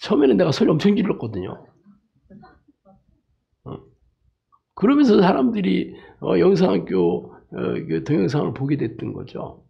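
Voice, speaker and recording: A man's voice: high-pitched, big pitch swings, moderate pace, gravelly, long pauses, muffled recording. A male pastor preaching a sermon emphatically, breaking in with rhetorical tag questions and anecdotes. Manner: emphatic, frequent rhetorical "eh?" tags; tells jokes and anecdotes.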